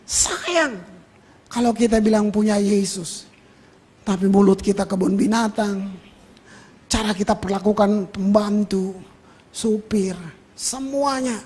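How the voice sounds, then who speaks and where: Brief: man, pastor, sermon, fairly high husky voice, chatty and anecdotal. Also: slow pace, long pauses, a little mellow. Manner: colloquial storytelling, addresses congregation.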